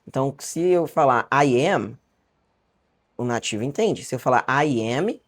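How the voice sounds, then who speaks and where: A Brazilian man with a Brazilian Portuguese accent, teaching a beginner lesson online in a chatty, encouraging way and repeating words slowly for practice. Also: medium pitch, expressive. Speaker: English teacher. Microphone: webcam or camera facing him.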